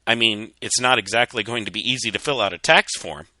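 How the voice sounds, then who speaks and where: A man acts out a melancholy male pony, a kindly doughnut seller from a storybook. He talks plainly and with feeling. The voice is pushed up in pitch, tense and bright, and dryly recorded. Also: fairly quick, dry recording. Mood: doubtful.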